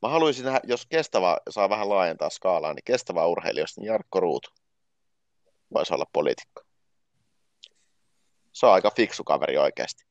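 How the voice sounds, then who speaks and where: A man's voice: deep voice, expressive, pauses often, no room sound, lo-fi sound. A man co-hosting a casual podcast chat over a remote call, joking and bantering. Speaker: podcast co-host. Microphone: remote call recording.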